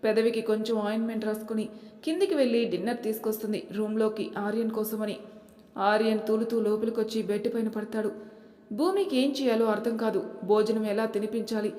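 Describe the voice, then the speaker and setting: A woman reading a romance story aloud as an audiobook narrator, in a steady storytelling manner. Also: on the high side, brisk. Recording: echoey room with long reverb.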